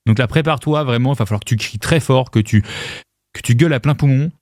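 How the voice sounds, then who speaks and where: A man co-hosting a podcast who talks casually, quickly and directly. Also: mid-range voice, darkish tone, dry recording, clean studio sound. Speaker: podcast co-host.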